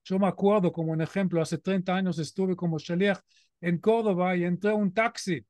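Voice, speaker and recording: Middle-aged Israeli-accented man, high voice, earnest guest speaker, close dry sound. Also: fairly even intonation, fairly quick, darkish tone, dry recording. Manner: earnest and emphatic, with frequent rhetorical "¿no?". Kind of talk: informal talk to a community audience.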